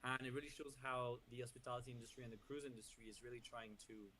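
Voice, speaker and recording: A man's voice: mid-range voice, steady tone, fast talker, sharp tone, slight background noise, low-quality recording. A man co-hosting a casual podcast, giving his opinions and often repeating words as he explains. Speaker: podcast co-host. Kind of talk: casual industry news discussion.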